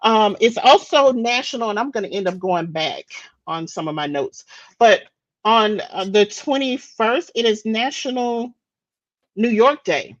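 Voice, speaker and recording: A woman's voice: on the high side, animated, unhurried, dry recording, dull audio. A woman from the United States presenting daily facts in a casual live-stream chat, talking freely with restarts and fillers. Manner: chatty, with frequent restarts and fillers.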